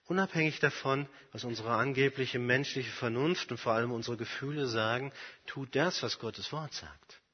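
A man delivers an earnest sermon in a husky, breathy voice, pressing his points hard and then sinking low and quiet. His voice rings with the long reverb of a large hall. The recording sounds dull and lo-fi. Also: moderate pace. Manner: earnest, emphatic, personal examples, swings from loud to very soft. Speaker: preacher.

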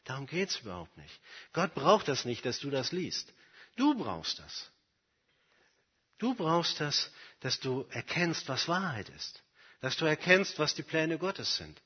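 A man preaching a sermon, earnest and emphatic, dropping at times to a soft, quiet voice. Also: medium pitch, very animated, normal speed, breathy edge. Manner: earnest, emphatic, personal examples, swings from loud to very soft. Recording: long hall reverb, dull lo-fi sound.

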